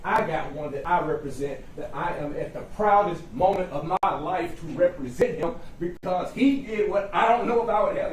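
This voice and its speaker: A man with a high-set voice argues as a defense attorney in a roomy, reverberant courtroom, picked up from a distance. He is impassioned and folksy, hammering short phrases and repeating them for emphasis as he appeals to the jury. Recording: roomy echo, distant mic, faint noise.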